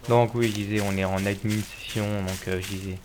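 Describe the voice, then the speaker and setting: A man's voice: fairly low pitch, steady tone, brisk, noisy background. A tired man working as a game server admin, scolding players in casual gameplay commentary. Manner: exasperated, scolding players about respect.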